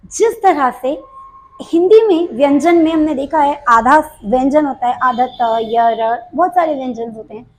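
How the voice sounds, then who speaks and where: Slow, lively-voiced woman English teacher. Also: high-pitched. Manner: slow, explains step by step, repeats words for drill; mixes Hindi and English, addresses students directly. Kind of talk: pronunciation lesson.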